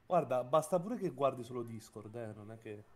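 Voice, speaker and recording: A man talking to a streamer over voice chat, hurried and insistent. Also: mid-range voice, expressive, a little mellow, a little hiss or hum. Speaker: friend on voice call. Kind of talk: casual chat.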